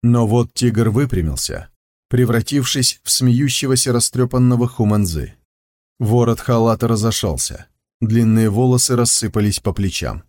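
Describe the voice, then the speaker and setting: A man reading an audiobook with steady, measured scripted narration. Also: medium pitch.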